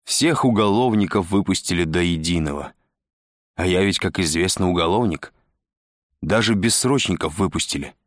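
A man doing a restless, mocking man who hisses and splutters through his lines. The voice rides above a deep natural register, the recording dry and close with no room sound. Part of an audiobook reading. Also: normal speed, dry recording, lightly acted. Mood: sardonic. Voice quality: hissing, spluttering. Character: agitated sardonic man, hissing and spluttering.

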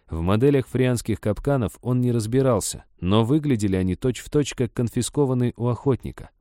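A man reading a story aloud in even, scripted audiobook narration. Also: fairly low pitch, no room sound, studio quality.

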